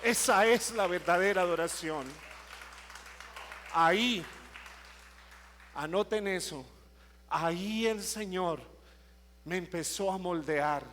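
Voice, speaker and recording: High-voiced man preaching. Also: takes it slowly, pauses often, a bit bright, big-room sound, some chatter behind, slight background noise. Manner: storytelling, rising to emphatic preaching. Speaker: worship teacher. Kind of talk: sermon.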